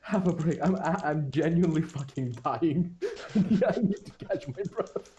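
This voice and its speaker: A man's voice: a little high, expressive, measured pace, warm tone. A man playing a tabletop game over voice chat, laughing and swearing. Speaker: player. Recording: dull lo-fi mic with faint hiss.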